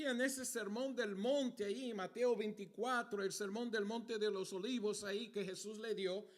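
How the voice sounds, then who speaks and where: A man preaching a sermon in a church, telling the story vividly while pointing to projected pictures. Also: high voice.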